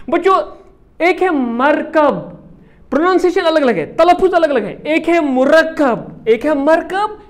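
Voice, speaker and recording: High-voiced man teaching a lively class. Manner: repeats key words and quizzes pupils; emphatic, stretches words for stress. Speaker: Urdu teacher. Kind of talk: classroom lecture to children.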